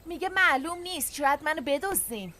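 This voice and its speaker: A woman's voice: high voice, animated, sharp tone. A woman dubbing an impatient young woman in a TV drama, scolding and urgent. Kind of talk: dubbed TV drama. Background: background score.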